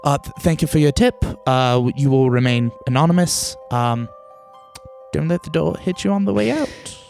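A man's voice: fairly high pitch, normal speed, creaky, a little mellow. A man voicing a squeamish, apologetic, fussy newspaper writer in a tabletop game, with a hesitant stammer. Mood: brisk, squeamish. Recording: background music under the voice.

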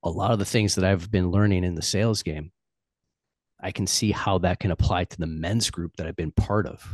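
A man's voice: low voice, fairly even intonation, a little fast, darkish tone, no room sound, studio quality. A man in his forties talking loosely and candidly, swearing and laughing easily. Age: 40s. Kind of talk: casual chat.

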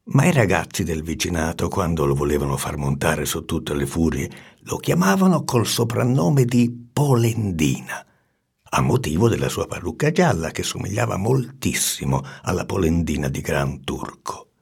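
Gravelly man reading a storybook aloud. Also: low voice, moderate pace. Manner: expressive, animated narration. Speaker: narrator.

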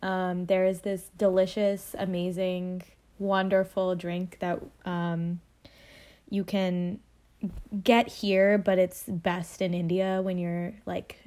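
A woman's voice: on the low side, warm tone. A young woman co-hosts a podcast in a loose, conversational way. She rambles a little, fills gaps with um and like, and laughs easily. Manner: chatty, laughs often, many fillers. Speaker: podcast co-host. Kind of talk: casual chat.

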